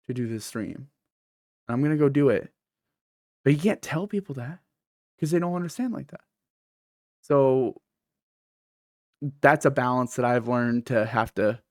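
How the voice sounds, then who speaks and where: A podcast host and streamer with a lisp that turns th into f speaks in a mid-range voice, recorded dry in studio quality. He hosts a casual solo podcast, candid, self-deprecating and rambling.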